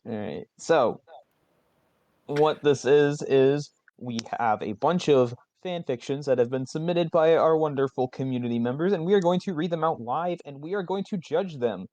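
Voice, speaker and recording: A man's voice: on the high side, moderate pace, darkish tone, highs cut off. A man hosting a live fan fiction reading contest, casual and joking, swearing freely.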